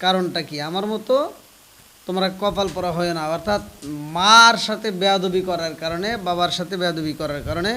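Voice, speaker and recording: A man preaching a sermon, moving between quick quiet storytelling and loud, drawn-out wailing chant. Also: high voice, steady tone. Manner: swings from soft fast telling to loud wailing chant.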